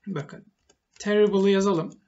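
A man's voice: sits high, steady tone, slow, dark tone, dull audio. A man teaching English vocabulary, explaining each word step by step and repeating it for emphasis, with typing on a keyboard. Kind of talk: vocabulary lesson while typing.

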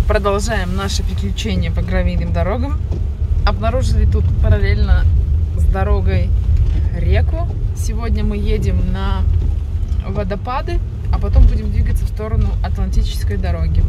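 A woman in her thirties making a casual travel vlog, with lively, playful remarks in the car and outdoors. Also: medium pitch. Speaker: travel vlogger. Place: in a car and outdoors in a rainy forest. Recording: noisy outdoor and car recording.

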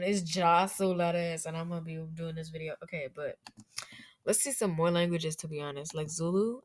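A young woman giving rambling, chatty commentary in a casual vlog, with plenty of fillers. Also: low-pitched. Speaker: YouTuber.

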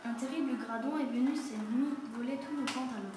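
Small puppy knight in a storybook, read by a woman, fairly high, with noise behind. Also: a little fast, natural voice. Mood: earnest. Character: small brave-talking male puppy knight. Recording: echoey room, far from mic, noisy.

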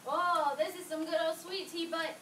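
A young woman from Georgia playing a naive, easily confused woman in a church skit, bright and exclaiming. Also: extremely high pitch, fairly even intonation, normal speed. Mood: chatty. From Georgia, USA. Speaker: church drama team actor. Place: church hall with a wooden floor, indoors. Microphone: far camera. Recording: echoey room from far off, noisy.

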